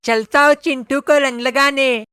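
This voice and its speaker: A man voicing cartoon kids, talking in an excited, exclamatory way. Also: very high-pitched, unhurried, noisy background. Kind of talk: cartoon voice acting. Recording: music playing behind.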